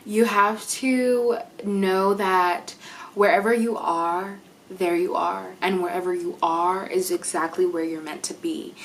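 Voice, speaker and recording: A woman speaks straight to her viewers in a relaxed, conversational motivational vlog. Her tone is earnest and encouraging, and her pitch sits in the middle range. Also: slight background noise. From United States. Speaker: vlogger. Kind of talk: motivational talk to camera.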